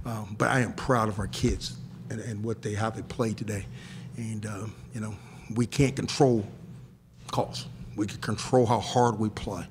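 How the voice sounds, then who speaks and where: Gravelly-voiced middle-aged coach at a press table. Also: male voice, lowish voice, steady tone, normal speed, a little hiss or hum. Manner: candid, repetitive restarts, emphatic. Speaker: head basketball coach. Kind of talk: postgame press conference. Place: press room in front of a sponsor backdrop. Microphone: table mic.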